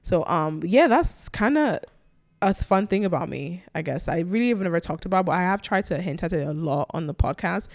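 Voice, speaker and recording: A woman's voice: fairly low pitch, lively intonation, brisk, a little mellow. A young woman from Nigeria hosting a solo podcast, chatting casually with playful, self-teasing asides. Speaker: podcast host.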